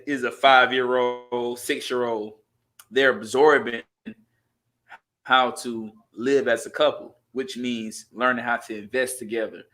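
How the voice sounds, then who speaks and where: A man's voice: medium pitch, pushed and bright. A man co-hosting a casual podcast, talking earnestly and searching for his words. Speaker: podcast co-host.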